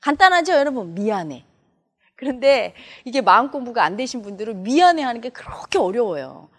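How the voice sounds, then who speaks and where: A woman's voice: on the high side, big pitch swings, a little fast. A woman meditation teacher giving a spoken lecture, acting out quoted family dialogue as she explains.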